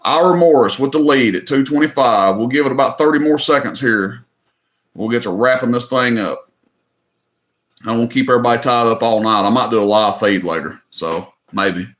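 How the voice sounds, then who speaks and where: This livestream auction host is a middle-aged man with a Tennessee Southern accent who keeps things folksy and joking, drawling and saying "y'all" in casual chat. He speaks at a moderate pace with a medium-pitched, fairly bright voice, and the audio is reverberant.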